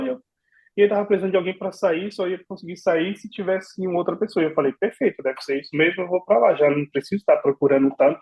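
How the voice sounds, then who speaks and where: A man's voice: fairly high pitch, muffled recording. A man with a Brazilian accent, a podcast guest casually telling stories and acting out the dialogue. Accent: Brazilian Portuguese. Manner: animated, acts out remembered dialogue with laughs and exclamations. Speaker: podcast guest, former au pair. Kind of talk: casual storytelling in a podcast interview.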